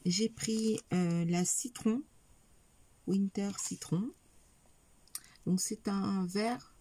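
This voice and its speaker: Speaking very slowly in a medium-pitched, dark and slightly rough voice, a middle-aged woman shows off each item in a craft haul video. She chats casually with viewers, hesitating and using many fillers.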